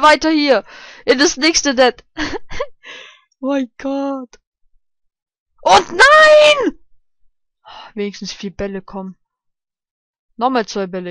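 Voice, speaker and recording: A man commenting casually on a game he is playing, shouting and swearing when he fails and muttering quietly to calm himself down. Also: sits high, moderate pace, no room sound. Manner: excitable, yelps and shouts at failures, swears. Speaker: let's play gamer.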